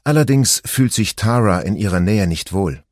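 A man's voice: lowish voice, expressive, moderate pace, no room sound, studio quality, natural voice. A man voicing a joking, gossipy female best friend in an audiobook, chatty and playful.

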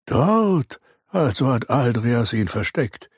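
A man's voice: medium pitch, very animated, slow, breathy edge, no echo, clean studio sound, voice pushed up, exaggerated voice. A man voicing a weary, grave older knight commander in an audiobook reading.

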